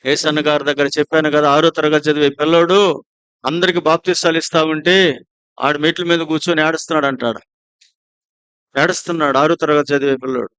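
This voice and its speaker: A man's voice: a little high, fairly even intonation, a little fast, fairly bright tone, smooth, no room sound. A pastor with a Telugu accent preaching to his congregation, asking them many rhetorical questions. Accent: Telugu, Andhra Pradesh. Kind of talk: sermon. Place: prayer house.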